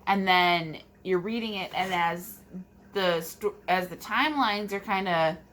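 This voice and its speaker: A woman co-hosting a casual book discussion, halting as she repeats and rewords her phrases. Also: on the low side, fairly bright tone. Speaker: book review co-host. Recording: clear background noise.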